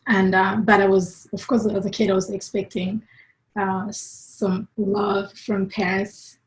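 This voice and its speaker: A woman in her twenties from Rwanda, telling her own story as an interview guest, soft-spoken and hesitant, with many pauses and fillers. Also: medium pitch, little pitch movement, low-quality recording.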